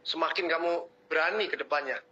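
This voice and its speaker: A man giving a motivational webinar talk, lecturing and teasing his audience in an animated way. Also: fairly high pitch, fast talker. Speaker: webinar speaker. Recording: muffled webinar audio.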